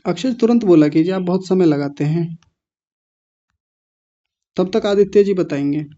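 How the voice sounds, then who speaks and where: A male teacher with a high but very dark, mellow voice guides an online class at a slow, deliberate pace. He breaks long words into pieces and repeats them patiently, correcting learners. The sound is a little dull and muffled. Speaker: Sanskrit pronunciation teacher.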